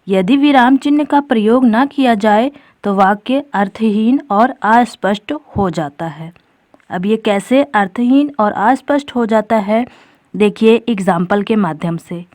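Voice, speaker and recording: A woman's voice: mid-range voice, unhurried, a little mellow, no echo. A woman teacher explaining a grammar topic step by step for exam preparation, addressing viewers directly as friends. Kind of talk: exam-prep grammar lesson.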